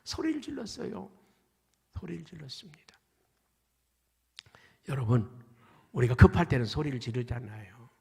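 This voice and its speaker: Male pastor, raspy and gravelly, dramatic sermon delivery in a reverberant sanctuary. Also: mid-range voice, animated, normal speed, pauses often. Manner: dramatic preaching, swings from loud cries to hushed near-whispers. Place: church sanctuary.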